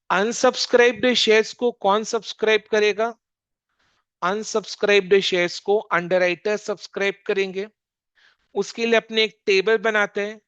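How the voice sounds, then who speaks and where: Slow, measured commerce teacher. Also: medium pitch, fairly bright tone, clean tone, no room sound, dull audio. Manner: slow, repetitive, quizzing the listener. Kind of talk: recorded accounting lesson.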